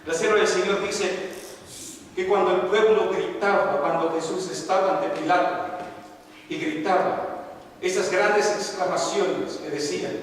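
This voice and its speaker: A high-voiced older man preaches with fervor, his voice ringing out then sinking to a murmur. He is recorded from a distance in a big, echoing church hall, with a faint hiss behind. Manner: impassioned preaching, swinging from loud cries to low murmurs. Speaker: pastor. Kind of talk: sermon. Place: church sanctuary.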